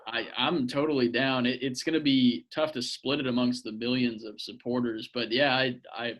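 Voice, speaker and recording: Young male podcast co-host with a mid-pitched voice, crude jokes, lots of ums and uhs. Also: fairly even intonation, moderate pace, fairly bright tone. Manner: crude jokes, trailing off with fillers. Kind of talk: casual chat.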